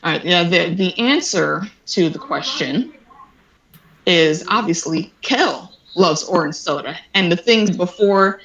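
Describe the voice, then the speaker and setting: A playful quizmaster runs a casual online trivia game, teasing players and drawing out each question. The voice is bright and pointed. It echoes as if in a bare room. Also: medium pitch, measured pace, muffled recording.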